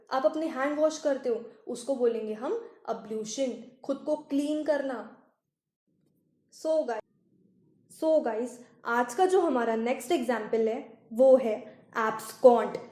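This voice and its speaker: A woman with an Indian accent teaching English vocabulary, saying each English word slowly and explaining it in Hindi. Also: high-pitched, mellow, reverberant. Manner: slow, carefully spelled-out English words, explaining in Hindi.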